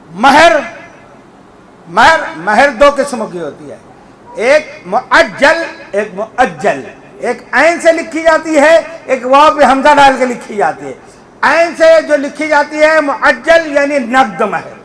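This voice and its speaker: A man preaching a Muharram majlis sermon to a gathering, impassioned, at times shouting and chanting Arabic phrases in a drawn-out way. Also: very high-pitched.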